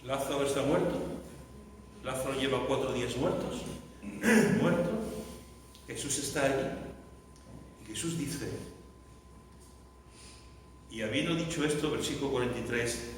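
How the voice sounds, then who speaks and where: Pastor guy preaching, lots of repeating, big shouty bits, super echoey hall far off. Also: mid-range voice, slight background noise. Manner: dramatic, repeating phrases, shouting for emphasis. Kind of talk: sermon. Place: large echoey church hall.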